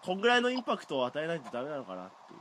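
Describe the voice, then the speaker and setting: Young male podcast host, rambling self-mocking chatter, animated delivery. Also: a little high, racing. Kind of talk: casual chat. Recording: loud background noise.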